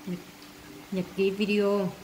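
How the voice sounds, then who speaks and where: A woman's voice: mid-range voice, little pitch movement, slow pace, darkish tone, slight background noise, low-quality recording. Woman teacher repeating vocabulary words. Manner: repeats each word, many filler sounds, translates terms one by one. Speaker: English teacher. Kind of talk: vocabulary lesson for students.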